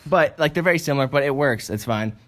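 A man's voice: medium pitch, quick pace. A young man hosting a casual podcast, rambling with many fillers and frequent laughs. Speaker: podcast host.

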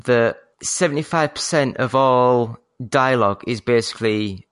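A man's voice: medium pitch, a bit bright, clear, resonant tone, dry recording. Yorkshire man hosting a gaming podcast. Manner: polite, measured phone-trained manner. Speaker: podcast host. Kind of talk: casual gaming podcast chat.

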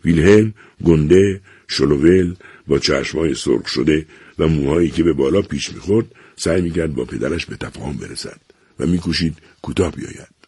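A man narrating a novel aloud in a measured, even storytelling manner. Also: very deep voice, slightly rough, no room sound, studio quality. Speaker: audiobook narrator.

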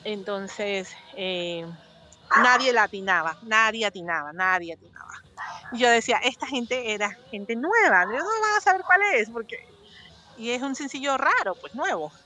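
Bright-voiced Panamanian woman telling stories. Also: medium pitch, normal speed. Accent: Panamanian Spanish. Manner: animated, acts out voices in her stories. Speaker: podcast guest. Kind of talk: casual storytelling chat.

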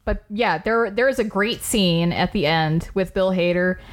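A woman's voice: mid-range voice, measured pace. A woman co-hosting a casual movie podcast, talking in a chatty way with casual swearing and quotes acted out. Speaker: podcast co-host. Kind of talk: casual movie review chat.

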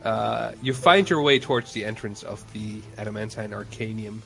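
A man narrating as game master in a casual tabletop game, with a halting, filler-heavy delivery. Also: lowish voice, gravelly, music in the background, poor audio.

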